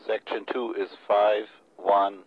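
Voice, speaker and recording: Low-voiced man on a static-filled radio. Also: level tone, slow pace. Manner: clipped phrases, numbers read digit by digit. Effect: two-way radio with static. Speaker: radio operator relaying message traffic. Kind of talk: formal radio traffic procedure. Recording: muffled, noisy radio with static.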